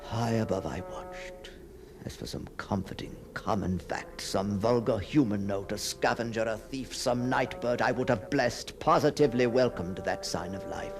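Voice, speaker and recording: Over background music, an actor plays an obsessed, haunted gentleman narrating his own ghostly tale as a halting, theatrical radio monologue, frequently dropping to breathy whispers. His mid-range voice is expressive yet close to everyday speech, and the mood is brooding and desolate.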